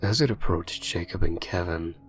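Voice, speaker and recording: A man narrating a horror story in a low, measured, grim way. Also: noisy background. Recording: faint background music.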